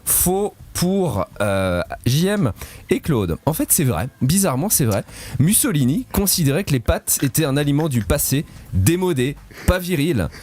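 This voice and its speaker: Male quiz columnist, animated pitch, jokey and punning, radio studio. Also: moderate pace. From Switzerland. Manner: playful, punning, laughs at his own jokes. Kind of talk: radio fun-facts quiz segment.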